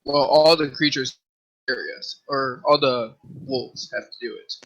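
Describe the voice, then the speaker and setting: A man with a bright, forceful tone talks through his turn, eagerly describing what his character does. His pitch sits in an ordinary middle range. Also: a little slow, lo-fi sound. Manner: describes his spell flavor with gusto. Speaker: player. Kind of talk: casual tabletop game talk.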